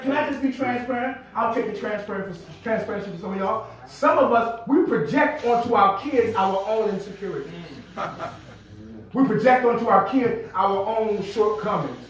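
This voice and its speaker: High-voiced preacher in an echoey church. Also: male voice. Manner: emphatic, builds to shouting, repeats words, call and response. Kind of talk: sermon. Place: church sanctuary. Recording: echoey hall, from a distance.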